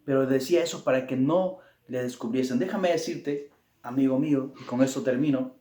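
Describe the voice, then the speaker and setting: A man's voice: medium pitch, fairly quick, warm tone, roomy sound. A man teaching a Bible study as a sermon, emphatic and repetitive, hammering his phrases again and again.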